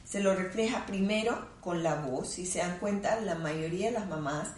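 A female clinical psychologist explains ideas in a low, calm, measured voice, teacherly in an explanatory conversation. The microphone is some distance away, giving roomy sound with noticeable echo and a little hiss or hum.

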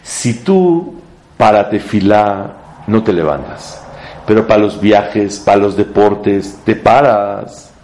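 Male rabbi teaching a Torah class, lowish voice, emphatic and climbing on key points. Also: animated, slow, a little mellow. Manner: emphatic, sweeps up in pitch to stress points, mixes in Hebrew terms. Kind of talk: Torah class before a live audience.

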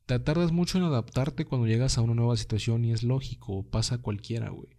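Casting: young Mexican man, podcast host, low and mellow tone, loose and slangy, swears freely. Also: quick pace. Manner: slangy, swears freely, says "güey" constantly. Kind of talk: casual solo podcast monologue.

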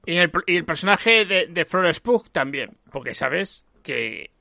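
A man, talking in an emphatic, animated way in a casual film discussion. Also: a little high, a little slow, vocal fry, no echo, clean studio sound.

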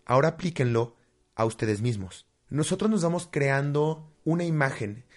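Man, young, motivational host, fairly high voice, impassioned, faint music behind. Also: animated, normal speed. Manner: impassioned, rising to near-shouting when acting out frustration. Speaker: host of a self-improvement show. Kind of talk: motivational monologue.

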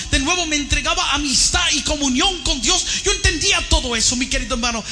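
High, bright-voiced fervent male preacher. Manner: fervent, shouting at peaks, addresses listeners as brother. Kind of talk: impassioned testimony sermon.

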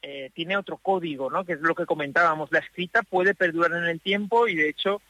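A man speaking as a psychologist guest on a radio show from a parked car, thoughtful, with pauses and restarts. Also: a little high, sharp tone, no echo, poor audio. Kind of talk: explanatory radio talk.

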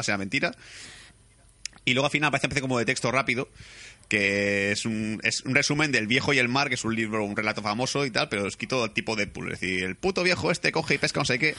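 Young man, podcast co-host, rapid animated film chat, quick pace, bright tone. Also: mid-range voice. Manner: rapid, animated retelling with put-on voices for quotes.

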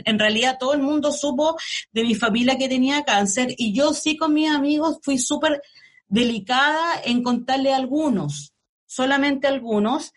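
A Chilean woman journalist recounting her illness in an interview, halting and searching for words. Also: high voice, fairly bright tone. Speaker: journalist guest. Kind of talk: emotional personal interview.

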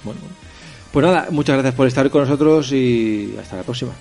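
A man's voice: mid-range voice, fast talker, a little mellow, soft background music. A man hosting a podcast in casual chat, stopping often with fillers. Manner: hesitant, many fillers. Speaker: podcast host.

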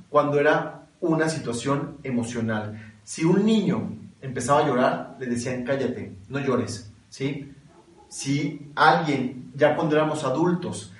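A man giving a spiritual lecture in a conversational way, often asking rhetorical questions and checking in with his listeners. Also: medium pitch. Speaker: kabbalah teacher. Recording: echoey room, mic at a distance.

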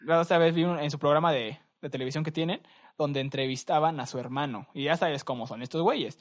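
A young man with a Mexican Spanish accent, co-hosting a podcast and telling stories in a relaxed, slangy, rambling way. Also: on the high side, fast. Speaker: podcast co-host. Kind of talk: casual chat.

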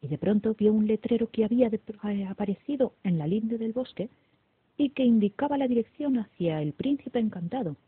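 A woman reading a children's story aloud in a lively, animated way. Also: fairly high pitch, a little fast, no echo. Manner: animated read-aloud with voices. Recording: dry, tinny phone-like, raspy.

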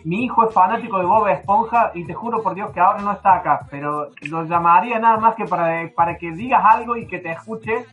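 An excited man co-hosts, piling up repeated phrases. His voice is high for a man. Faint music plays in the background. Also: fast, hardly any pauses, phone-quality sound. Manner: excited, repetitive. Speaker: podcast co-host. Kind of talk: enthusiastic casual chat.

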